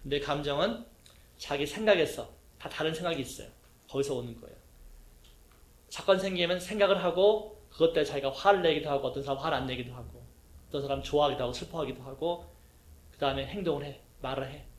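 A middle-aged man preaching a sermon as a pastor, asking his congregation questions and acting out quotes in a lively way. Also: on the high side, fast talker, echoey room. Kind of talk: sermon teaching.

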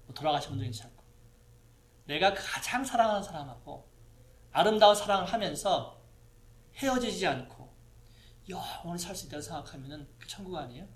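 A man's voice: fairly high pitch, lively intonation, a little fast, long pauses. A man preaching a sermon, talking to the congregation conversationally and asking them rhetorical questions. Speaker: pastor. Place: church hall with a projector.

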